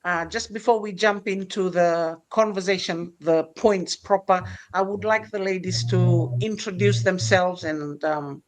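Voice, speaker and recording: A middle-aged woman from Fiji opens and steers a casual livestream conversation. Her voice sits a little low, and she pauses often, filling the gaps with ums and uhs. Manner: hesitant, many fillers. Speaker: host.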